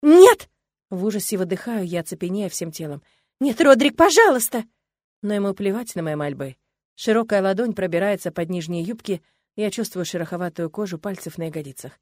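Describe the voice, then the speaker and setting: A woman's voice: fairly low pitch, fast, dark tone, no room sound, studio quality, close to an everyday voice. A woman reading an audiobook, voicing a young noble wife who is tearful, pleading and defiant in turn. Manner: tearful, pleading, angry outbursts.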